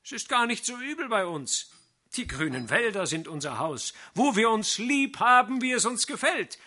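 A man's voice: high voice, pitched above the performer's own voice, full character voice. A man voicing a boisterous, coaxing vagrant fiddler in an audiobook reading. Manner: loud, coaxing, exuberant. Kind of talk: audiobook character voice.

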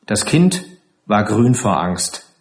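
Expressive male literary reader. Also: lowish voice, takes it slowly, roomy sound, a little hiss or hum. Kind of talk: audiobook narration.

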